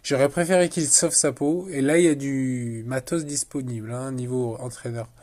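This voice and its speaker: A football vlogger delivers casual commentary in a steady, darkish, medium-pitched voice at normal speed. He rambles sarcastically and keeps cutting off his own sentences.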